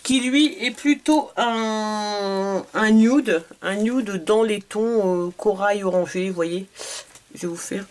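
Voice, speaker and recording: A woman's voice: mid-range voice, slow pace, a little mellow. A woman from France, a beauty vlogger, chatting casually through a shopping haul video, hesitant with many fillers and repeated words.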